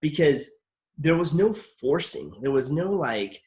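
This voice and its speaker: On his casual interview show, this podcast host and actor tells stories from his acting work in a loose, digressive way, overusing "like" and restarting often. His voice is on the high side, very animated, a little slow and slightly mellow.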